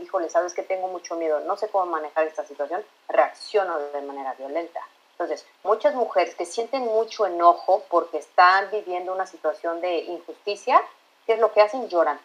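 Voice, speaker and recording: A woman speaks in an explanatory, conversational way, slipping into quoted voices to make her points. Her voice sits on the low side. The recording sounds somewhat muffled and lo-fi. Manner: explanatory, acts out quoted dialogue. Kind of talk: conversational podcast talk.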